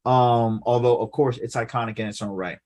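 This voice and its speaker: A man co-hosting a podcast, talking casually and excitedly about wrestling, with many filler words. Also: mid-range voice, fairly quick. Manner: animated, lots of "like" fillers. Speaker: podcast co-host.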